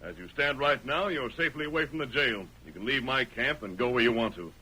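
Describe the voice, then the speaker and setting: An actor playing a resolute masked lawman of the Old West, firm and deliberate, in old-time radio western style. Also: medium pitch, lively intonation, bright, forceful tone, breathy edge. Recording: noisy vintage radio recording.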